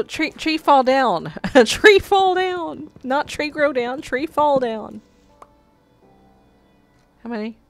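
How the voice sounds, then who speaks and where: Her voice sits high and a bit bright as this let's-play gamer, nursing a cold with a cough drop, reads quest text aloud. She swears at her blunders throughout the casual gameplay commentary.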